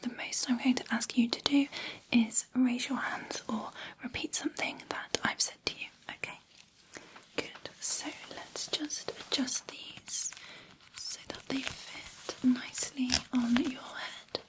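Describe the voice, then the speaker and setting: A woman whispering slow, reassuring instructions in an ASMR hearing-test roleplay. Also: sits high, steady tone, a bit bright, poor audio.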